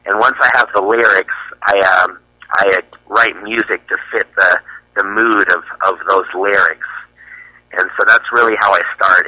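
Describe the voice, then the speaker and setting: A man's voice: deep voice, sharp tone, no room sound, low-quality recording. A young man from the US East Coast, a musician answering interview questions in a casual, hesitant way with many fillers and restarts. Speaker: musician guest.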